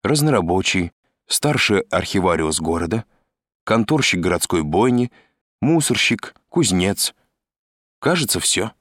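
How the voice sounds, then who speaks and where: A man's voice: deep voice, sing-song, a little slow, a bit bright, no room sound, clean studio sound, heavily acted. A man reading aloud as an insolent, brazen male detainee answering with smirking replies. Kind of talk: audiobook reading.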